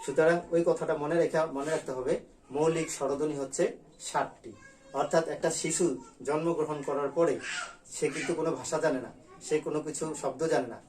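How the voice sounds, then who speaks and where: A male school teacher from Bangladesh giving an online grammar class, repeating key sounds slowly and drilling them. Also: fairly high pitch, steady tone, a little mellow.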